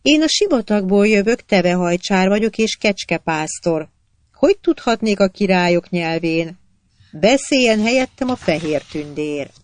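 Plain-spoken desert herdswoman as a narrator puts her on, calm, slightly raised pitch, dry sound. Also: dry recording, lightly acted. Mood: humble. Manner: plain-spoken, calmly superior. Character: humble desert peasant woman, calm and blunt. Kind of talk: audiobook character voice.

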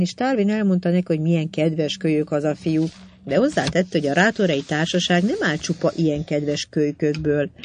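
An audiobook narrator reading a novel in an even, measured way. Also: medium pitch.

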